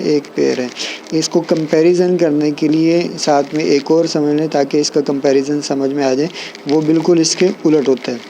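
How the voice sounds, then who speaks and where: A man delivers a recorded poetry lecture in a patient, explanatory way, often pausing to check in with his listeners. His voice sits a touch high and has a gravelly edge, yet the tone stays mellow and relaxed. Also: slight background noise, low-quality recording. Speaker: poetry teacher.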